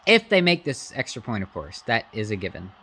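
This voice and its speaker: A man giving casual, opinionated live reactions to a sports game, slangy and informal, swinging between excitement and grumbling. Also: mid-range voice, a little fast, slightly rough.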